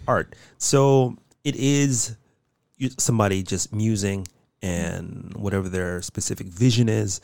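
A man's voice: lowish voice, unhurried, gravelly, darkish tone, no echo, clean studio sound. A man co-hosting a casual chat, rambling with restarts and casual swearing. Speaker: co-host.

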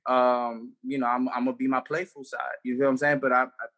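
A man's voice: mid-range voice, level tone, fairly quick, a bit bright. A young man, a comedian, chatting casually on a podcast in loose slang with lots of fillers and restarts. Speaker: comedian guest.

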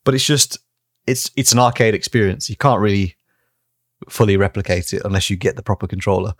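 Guy cohosting a podcast, kinda low voice, laid back and jokey, dry sound. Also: fairly quick, no room sound. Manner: loose and chatty, laughs often, casual swearing. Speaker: podcast co-host. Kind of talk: casual chat.

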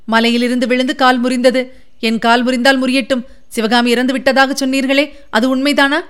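A woman's voice: high voice, flat delivery, brisk, fairly bright tone, smooth, pitched above the performer's own voice. A woman voicing an elderly male sculptor, a father driven frantic by grief, wailing and pleading. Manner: frantic, wailing, sobbing pleas.

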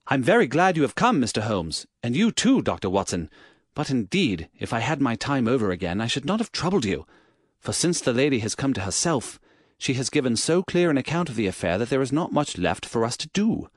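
A man's voice: medium pitch, big pitch swings, brisk, no room sound, studio quality, voice pushed up. Man doing an eager young police inspector. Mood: earnest. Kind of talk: audiobook character voice.

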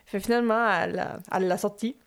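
A young woman with a Quebec French accent telling a story in casual chat, animated and mixing English words into her French. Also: medium pitch, quick pace.

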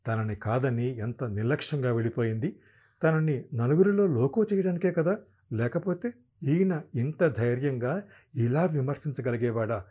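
A male storyteller reads a novel aloud in a steady, even manner. His timbre is dark and mellow, at a middle pitch for a man. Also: moderate pace, breathy edge. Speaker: narrator. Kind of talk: audiobook novel narration.

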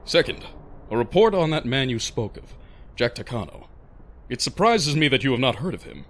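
A man playing a big, stoic outlaw biker in an audio drama, speaking in formal, deliberate phrases with a tender streak underneath. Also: mid-range voice, very animated, a little hiss or hum. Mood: solemn, matter-of-fact. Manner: formal, stilted, deliberate phrasing without contractions.

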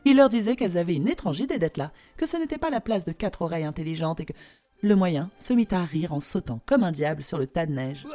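A woman narrating a storybook tale in a slow, expressive telling. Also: mid-range voice.

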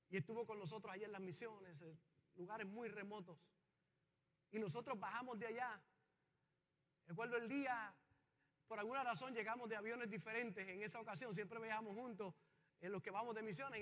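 A man preaching a sermon as pastor of his church, with an impassioned delivery that swells to loud, fervent peaks. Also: high voice, long reverb tail.

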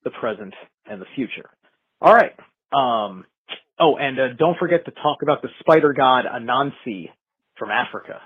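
A man's voice: mid-range voice, animated, slightly rough. Male caller on a tinny phone line. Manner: measured, many "uh" and "um" pauses. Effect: phone-line call-in audio. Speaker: caller to a live show. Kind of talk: calling in to share a view.

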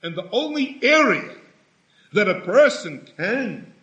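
A man giving a sermon in a halting way, often repeating words and rising in pitch for emphasis. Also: sing-song, bright, forceful tone. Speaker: rabbi. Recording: echoey room, dull lo-fi sound.

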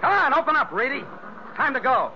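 An actor playing a tough, terse ship's skipper in a hard-boiled 1940s radio style. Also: male voice, mid-range voice, animated, fairly quick, natural voice. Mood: pleading, forceful. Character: tough, weary, decisive male ship's skipper. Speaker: lead actor and narrator. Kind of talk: 1940s radio acting with first-person narration. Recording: muffled, very noisy old radio recording.

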